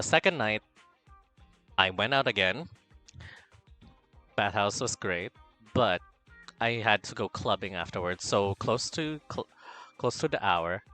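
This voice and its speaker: On a casual livestream, a Filipino man with a lowish voice reads his chat aloud. His style is campy and animated, drifting from quiet mumbling into loud bursts of excitement.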